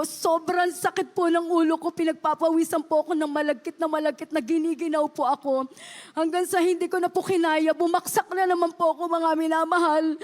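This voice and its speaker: A woman giving an earnest, polite testimony to a church congregation, often addressing them as beloved. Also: very high-pitched. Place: church service.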